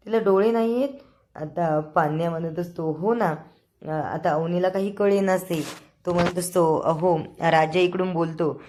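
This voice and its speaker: A woman retelling a TV serial episode in relaxed storytelling, briefly lifting her voice for each character's lines. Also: fairly low pitch. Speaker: serial episode recap narrator.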